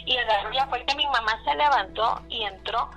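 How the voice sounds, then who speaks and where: Gravelly-voiced woman telling her story. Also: fairly high pitch, fairly quick, fairly bright tone, soft background music, poor audio. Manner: rambling, many restarts and fillers, retells dialogue. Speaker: caller telling a personal story. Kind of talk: casual spoken storytelling.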